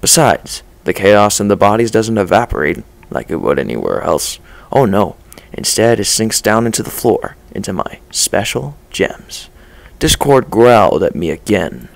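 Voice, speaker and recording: Gravelly, low-voiced man reading a story. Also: sing-song, normal speed. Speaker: story reader. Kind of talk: first-person fan-fiction narration.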